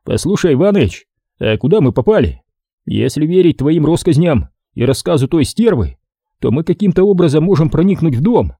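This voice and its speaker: A man voicing a cocky, coarse male adventurer who talks loudly and mockingly. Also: on the high side, big pitch swings, normal speed, slightly rough, no echo, studio quality, pitched above the performer's own voice, full character voice. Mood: scheming. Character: brash rough-talking male adventurer, cocky.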